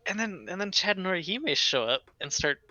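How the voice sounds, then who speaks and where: Bright-voiced man chiming in casually. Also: sits high, sing-song, a little fast. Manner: agreeable, backchannels often, chimes in on the story. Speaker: podcast co-host. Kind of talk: casual chat.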